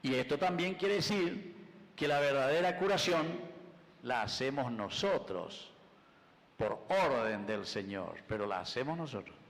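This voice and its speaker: A man preaching a sermon at Mass, moving between loud and soft and mixing in Guarani phrases. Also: medium pitch, expressive, a little slow, vocal fry. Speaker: priest. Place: church. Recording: long church reverb.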